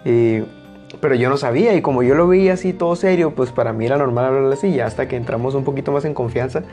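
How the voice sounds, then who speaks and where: Young Mexican guy, casual storyteller, blunt and loud, faint music underneath. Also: mid-range voice, fast talker. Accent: Mexican Spanish. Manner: loud, blunt delivery that rises into shouting when excited.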